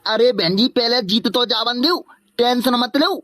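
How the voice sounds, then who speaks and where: Woman, slightly high voice, dry sound, plays a pleading village candidate for laughs. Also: normal speed, a bit bright, no echo. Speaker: comic sketch performer. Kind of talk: village comedy skit in rural dialect.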